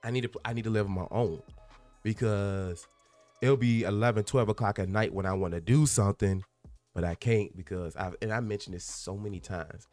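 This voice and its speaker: A podcast host in his 20s speaks a little fast in a fairly low, darkish voice, with faint music behind him. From a room at home among packed boxes, he rambles through his casual solo show, earnest and candid, restarting and repeating for emphasis, and laughing in bursts.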